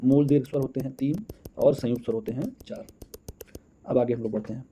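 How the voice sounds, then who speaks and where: A man's voice: medium pitch, brisk, mellow, slight background noise. A man teaching an exam-prep lesson, counting out answers aloud and calling his viewers friends.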